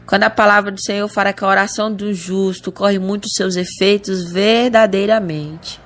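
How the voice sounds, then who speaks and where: A woman's voice: medium pitch, steady tone, moderate pace. A woman with a Brazilian accent giving an earnest spoken religious testimony, often restarting and repeating words. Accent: Brazilian Portuguese. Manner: earnest, addresses listeners as brothers. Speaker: church member giving testimony.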